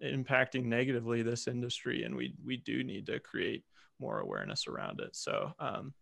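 A man hosting a podcast, easygoing and affirming as he reads out rapid-fire questions to his guest. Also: mid-range voice, animated, creaky, fairly bright tone, no echo, clean studio sound. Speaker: podcast host. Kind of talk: casual podcast interview.

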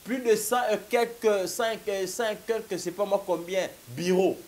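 A man in his thirties with a Congolese French accent argues as a political analyst in an emphatic studio debate on a political talk show. His high-pitched voice moves at a measured pace, and though he has a slight cold, he gestures emphatically and keeps repeating "mon cher ami." A lapel mic picks him up, with a faint hiss on the recording.

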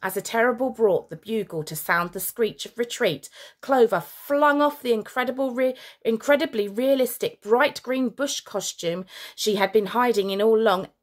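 A woman teacher reading a children's story aloud with expressive storytelling. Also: fairly high pitch, moderate pace.

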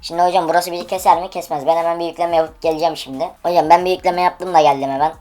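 A woman's voice: lowish voice, steady tone, very fast, mellow. A woman streaming an online case-opening game, giving live commentary in an impatient, profane way as she urges each spin aloud.

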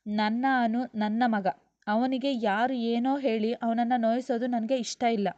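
A woman's voice: on the high side, a little mellow, no echo, dull audio, close to an everyday voice. A woman voicing a proud, hurt young mother who argues with heat.

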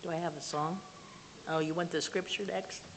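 Speaking low with fairly even intonation, an older lay speaker offers her testimony and prayer from a small church's pulpit. Her delivery is plainspoken and earnest, paced in slow, measured phrases. The recording comes from a distant camera at the back, picking up the hall's reverb and a faint hiss.

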